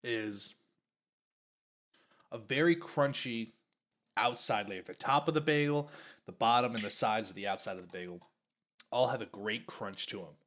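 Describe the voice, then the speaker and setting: Here a man's voice runs on the low side and fairly bright, moving at a moderate pace broken by long pauses. He's reviewing snack foods casually on a stream, chatty and filler-heavy, occasionally with his mouth full.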